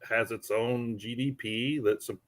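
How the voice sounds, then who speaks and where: A man's voice: mid-range voice, steady tone, measured pace, fairly bright tone, no echo. A man hosting a casual chat, asking guests easygoing questions and laughing often. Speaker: host.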